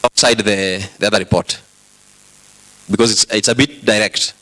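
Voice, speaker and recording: A man with a Kenyan accent presiding over an assembly, formal and directive, with halting delivery. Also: fairly low pitch, steady tone, sharp tone, rough recording. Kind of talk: formal parliamentary rulings. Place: assembly chamber.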